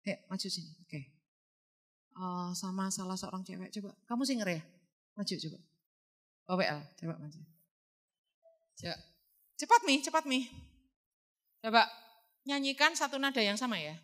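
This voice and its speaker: A woman teaching a music class, singing solfege examples between brisk explanations. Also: medium pitch, animated, a bit bright.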